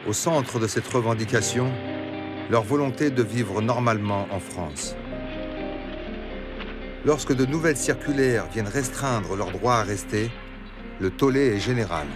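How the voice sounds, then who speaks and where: A man giving scripted documentary narration in a measured, solemn way. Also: medium pitch, lively intonation. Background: music.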